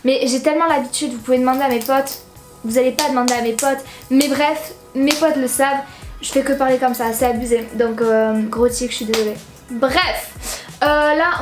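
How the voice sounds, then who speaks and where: A teenage girl from southern France talks through her purchases in a loose, rambling way, slangy and full of fillers. Her voice sits high, and the room is echoey. Faint music plays behind her. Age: teens. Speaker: YouTuber. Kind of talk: casual haul vlog.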